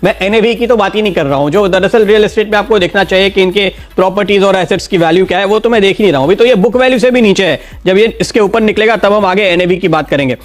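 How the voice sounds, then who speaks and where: A man giving a steady stock market analysis and talking straight to viewers, explaining why he recommends each share. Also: high voice, quick pace, few pauses, faint music behind.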